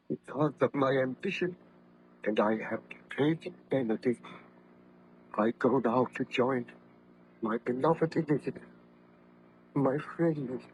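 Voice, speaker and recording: An actor playing a weak, guilt-ridden baron-scientist in formal, declamatory old-time radio drama style. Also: male voice, medium pitch, lo-fi sound, lightly acted. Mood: dying, penitent. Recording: noisy vintage radio drama recording.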